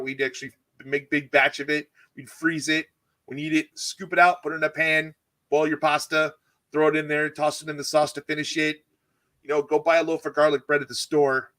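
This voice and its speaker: A man's voice: a little high, fairly bright tone, dry recording. A man, a culinary teacher, chatting casually in an interview, rambling and correcting himself as he explains recipes. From California. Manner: rambling, self-correcting, enthusiastic about food. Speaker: cooking channel guest, culinary teacher.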